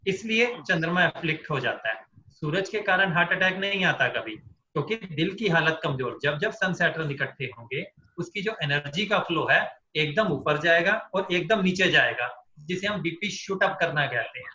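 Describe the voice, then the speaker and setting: A man's voice: a little high, expressive, moderate pace, pushed and bright, reverberant, dull audio, a little hiss or hum. A man teaching an online astrology class in Hindi-speaking style, explaining through everyday examples. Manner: explains with everyday examples, acts out quoted people.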